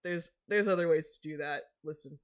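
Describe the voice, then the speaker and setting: A woman co-hosting a live podcast stream in casual chat, talkative and quick to swear when something goes wrong. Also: low-pitched. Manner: chatty, swears freely when flustered. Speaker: podcast co-host running the stream.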